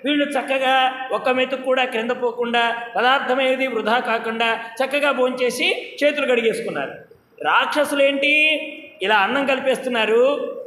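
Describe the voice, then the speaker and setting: A man's voice: very high voice, normal speed, bright, forceful tone, slight background noise. A man giving a devotional discourse, telling stories and asking the audience questions. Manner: storytelling, asks the audience questions. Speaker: religious speaker. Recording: echoey hall with faint ambience.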